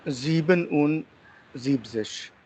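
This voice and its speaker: A man's voice: on the high side, extremely slow, darkish tone. A man studying German online, answering hesitantly with fillers. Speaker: student. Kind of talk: online tutoring session. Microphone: video call. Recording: muffled video call with faint noise.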